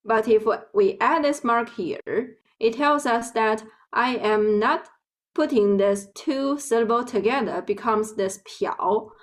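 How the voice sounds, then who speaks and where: A woman from Beijing with a Chinese accent, explaining pronunciation slowly and carefully as a language teacher. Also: a little high, poor audio. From Beijing, China. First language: Mandarin Chinese. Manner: slow, careful explaining with drawn-out example words. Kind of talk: online language lesson.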